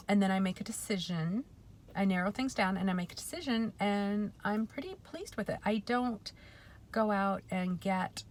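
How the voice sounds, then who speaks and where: In a personal vlog, a woman in her forties chats reflectively, often pausing on "um" and correcting herself. Her voice sits at a medium pitch, with slight background noise behind it.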